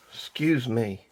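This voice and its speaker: This British man makes resin art videos, narrating a craft project step by step in a casual, unhurried, chatty way as he works with his hands. His voice sits a little high and sounds croaky, with some throat clearing, and there's no echo.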